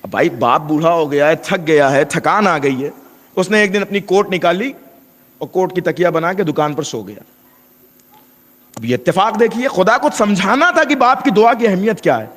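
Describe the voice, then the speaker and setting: A man's voice: sits high, expressive, fairly bright tone, in a large hall. A male preacher delivering an emphatic sermon, telling a story and acting out its dialogue, repeating key phrases for emphasis.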